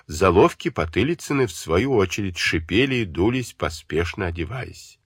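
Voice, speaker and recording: A man's voice: low-pitched, expressive, moderate pace, slightly rough, dry recording, clean studio sound. A man narrating a novel as an audiobook in a vivid, dramatic reading.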